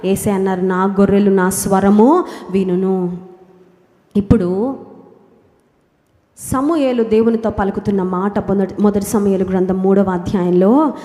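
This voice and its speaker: A woman preacher delivers a sermon with a mellow, darker tone, firing off rhetorical questions and repeating phrases for emphasis. Her voice rings through a roomy church hall with a long echo tail. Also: mid-range voice, steady tone, unhurried, long pauses. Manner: has listeners repeat scripture after her.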